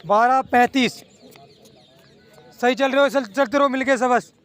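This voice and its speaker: A man's voice: very high voice, moderate pace. A man coaching runners outdoors, calling out lap times and repeatedly urging them to keep going. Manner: repetitive, encouraging shouts. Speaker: running coach. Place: outdoor running ground.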